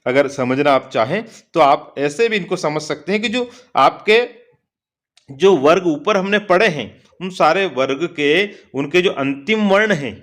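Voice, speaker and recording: A man teaching a Sanskrit lesson, reciting sutras slowly and checking in with "है ना" again and again. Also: a little high, animated, fairly bright tone. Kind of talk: explanatory online lesson.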